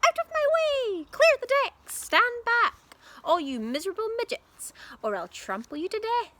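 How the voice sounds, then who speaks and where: A woman's voice: very high voice, big pitch swings, normal speed, bright, forceful tone, pitched above the performer's own voice, full character voice. A woman voicing a grumpy, bossy old grandma in a children's storybook, shrieking orders and insults. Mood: wild bellowing.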